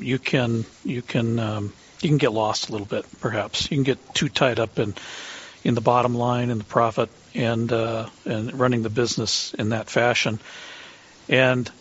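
A man giving an earnest, measured interview answer as a business-owner guest, pausing between phrases. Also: mid-range voice, a bit bright, breathy edge. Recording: dull band-limited radio sound.

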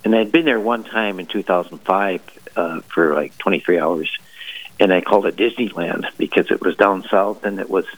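A middle-aged priest and army chaplain speaks by phone as a radio guest, answering casually with many fillers and restarts. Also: male voice, deep voice, normal speed, no echo, low-quality recording. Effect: heard over the phone.

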